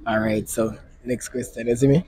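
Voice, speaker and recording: A young man running a street interview into a handheld mic, joking and teasing the woman he talks to. His pitch sits in an ordinary middle range, and faint street noise hums behind him. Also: steady tone, moderate pace. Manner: playful, teasing, loud bursts. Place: outdoors on a street at night.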